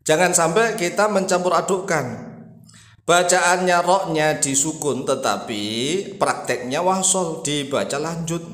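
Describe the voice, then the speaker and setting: A man teaches patiently, breaking into slow chanted demonstrations. His voice sits a little high. The recording is roomy, with a long reverb trailing after each phrase. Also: fairly bright tone. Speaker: religious teacher. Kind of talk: instructional explanation with chanted demonstrations. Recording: echoey room with long reverb.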